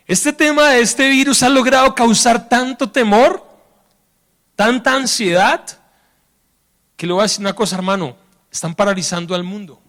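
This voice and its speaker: A man preaching a sermon in a church, talking in a colloquial way and acting out the stories he tells. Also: high-pitched. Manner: colloquial, animated storytelling with acted quotes.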